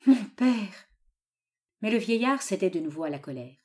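A woman reading a classic novel aloud in measured narration. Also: lowish voice, very animated, darkish tone. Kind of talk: audiobook narration.

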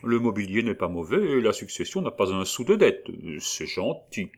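A man's voice: fairly low pitch, very animated, normal speed. A man voicing a pompous, fussy middle-aged notary who speaks sententiously and hesitates with many "euh"s.

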